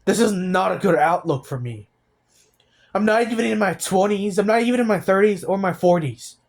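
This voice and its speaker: An eighteen-year-old man talking about his feelings in a personal vlog, halting and downcast, often restarting his sentences. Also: high voice, lively intonation. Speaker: vlogger.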